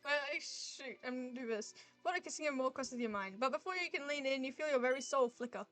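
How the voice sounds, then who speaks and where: A woman streaming a dating game, reading its text aloud and reacting with excited squeals and laughter. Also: high-pitched, quick pace, soft background music.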